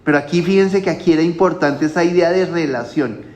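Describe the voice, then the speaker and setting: A man's voice: fairly high pitch, fairly quick, darkish tone. A male pastor giving a Bible teaching at a home church, explaining things step by step and often checking in with his listeners.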